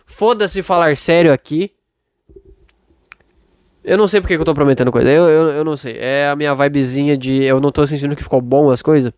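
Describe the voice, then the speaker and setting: Congested, higher-voiced Brazilian man, rambling bluntly. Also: a little fast, darkish tone, clear, resonant tone, no room sound, studio quality. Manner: blunt, self-doubting, swears often; acts out imagined dialogue mid-monologue. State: sick with sore throat and congested nose. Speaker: solo podcast host. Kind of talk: casual rambling monologue, answering a listener.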